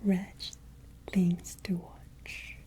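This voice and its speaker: A woman playing a haughty, menacing, ageless vampire lady of a castle in a whispered ASMR roleplay, with deliberate, imperious delivery. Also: on the low side, level tone, dark tone. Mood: cold, wistful menace.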